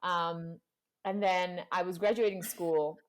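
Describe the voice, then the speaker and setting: With a slow, steady, lowish voice, a young woman from Panama and Colombia recounts a personal experience as a casual-chat guest. She keeps saying "like" and acts out the quoted voices.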